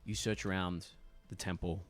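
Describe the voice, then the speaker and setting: A man narrating scenes as game master of a tabletop game, in a relaxed manner with fillers. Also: deep voice, moderate pace, faint music behind.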